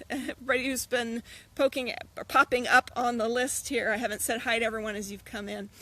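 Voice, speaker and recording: A woman author chatting excitedly and casually on a live stream, with lots of fillers. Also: a little high. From United States.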